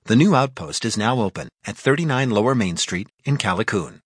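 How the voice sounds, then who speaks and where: A man's voice: on the low side, expressive, fairly quick, breathy edge, no echo, clean studio sound. A man with an American accent reading scripted sponsor announcements as a station announcer.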